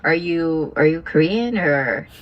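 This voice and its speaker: Speaking slowly in a deep, animated voice, a young woman from Vietnam makes casual, friendly conversation with a business partner on a video call. She asks questions with fillers and soft laughs, and the high frequencies of the recording are cut off.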